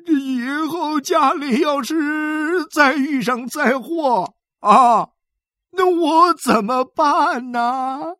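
A woman voicing a heartbroken old man who weeps and wails through slow, drawn-out words. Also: sits high, no echo, studio quality, voice pushed up. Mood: sobbing grief. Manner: sobbing, drawn-out wailing speech. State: crying. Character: old male blood seller, weeping and heartbroken.

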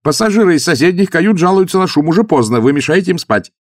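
A man's voice: on the high side, lively intonation, a little fast, dry recording, clean studio sound, pitched above the performer's own voice, lightly acted. Man doing a pompous young ship's officer. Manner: loud, officious, then flustered.

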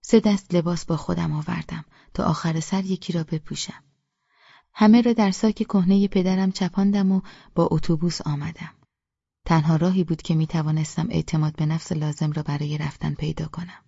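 Woman, audiobook narrator, mellow low voice, husky, first-person storytelling. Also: fairly even intonation, no echo, lo-fi sound.

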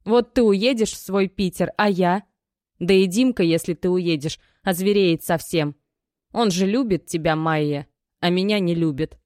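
A woman's voice: lowish voice, a little slow, darkish tone, no room sound, natural voice. A woman reading an audiobook and voicing a desperate young mother whose dry, cracked voice trembles as she pleads and reproaches. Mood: tearful, reproachful. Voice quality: dry, cracked, tear-worn voice. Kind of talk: audiobook character voice.

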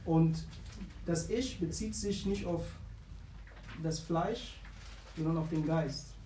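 A man in the congregation answering a question, pausing often and searching for words. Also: fairly high pitch, dark tone, a little hiss or hum. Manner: searching for words, many hesitations. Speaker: congregation member. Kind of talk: answering in a church discussion. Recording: distant, echoing room.

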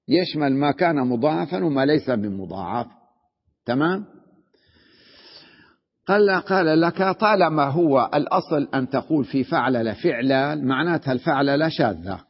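Man teaching grammar in a reverberant hall. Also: fairly high pitch. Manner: explains step by step, repeating terms and asking students if they follow. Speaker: sheikh teaching Arabic grammar. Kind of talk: classroom lecture on morphology. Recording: dull recording with long hall reverb.

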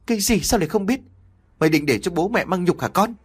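A frantic middle-aged mother in an audio story, acted by a man, her voice pushed high and shrill. She wails and scolds, loud and urgent, with a husky grain underneath. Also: expressive, quick pace. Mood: furious. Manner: wailing, scolding.

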